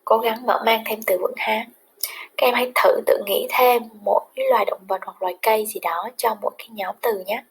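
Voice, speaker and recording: A woman's voice: on the high side, steady tone, normal speed, breathy edge, low-quality recording. A woman English teacher patiently explaining a lesson to children, switching between English and another language.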